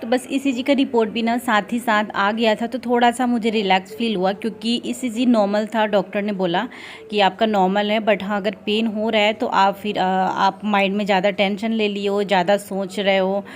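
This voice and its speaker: Young Indian woman, casual vlog narration, soft-spoken and tired, filler-heavy. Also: medium pitch, little pitch movement, normal speed. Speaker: vlogger.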